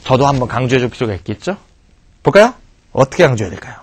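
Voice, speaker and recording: A middle-aged man teaching English grammar in a recorded video lecture, animated and playfully teasing, asking rhetorical questions and answering them himself. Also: mid-range voice, rapid-fire, a little hiss or hum.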